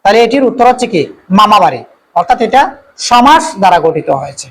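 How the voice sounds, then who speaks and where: A male teacher going through exam multiple-choice questions, repeating each question and reading out the options before giving the answer, with drawn-out "uh" fillers. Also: high voice, very animated, fairly bright tone, low-quality recording.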